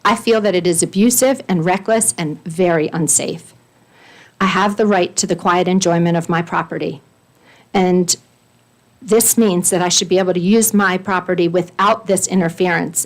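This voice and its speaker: A woman's voice: fairly low pitch, fairly even intonation, normal speed. A woman reading her own prepared statement at a county board meeting, earnest and pleading, stressing her points in lists. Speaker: resident speaking at public comment.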